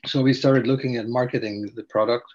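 An older man talks through his story as a podcast guest, wandering and hesitant. His voice sits at a middling pitch, and the recording sounds a little dull and muffled. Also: steady tone, a little fast, darkish tone. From Slovakia. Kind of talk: casual interview.

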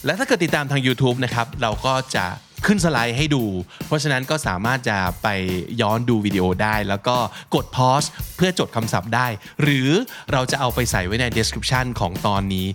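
A man's voice: mid-range voice, animated, normal speed, hardly any pauses, fairly bright tone, faint music behind. A man hosting a casual vocabulary podcast, explaining words in a chatty way and spelling them out letter by letter. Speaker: podcast host.

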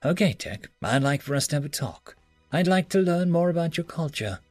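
A man voicing a patient male interrogator who speaks quietly and evenly. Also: expressive, brisk, dry recording, faint music behind. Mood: coaxing. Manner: quiet, low-key.

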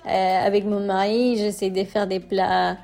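A woman's voice: medium pitch, flat delivery, slow pace, creaky, dark tone, soft background music. A young adult woman from Mexico with a Mexican Spanish accent, telling her story as an interview guest, hesitant with many fillers and restarts. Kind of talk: interview testimony.

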